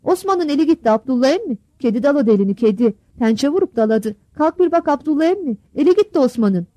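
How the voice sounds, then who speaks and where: A woman voicing a group of excited village boys calling out urgently in a storybook reading. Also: high-pitched, fairly quick, no echo. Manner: urgent, shouting.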